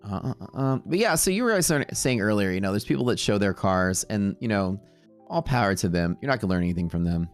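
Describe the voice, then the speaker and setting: Deep-voiced rambling man on stream. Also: animated, brisk, faint music behind. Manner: rambling, talkative, laughs often. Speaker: live trading stream host. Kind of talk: casual live-stream chat.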